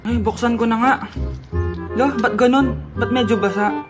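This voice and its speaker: A woman performing comedy skits, voicing every character herself, from shouted scolding to soft childish lines. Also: fairly high pitch, steady tone, moderate pace, music in the background. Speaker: comedy sketch creator.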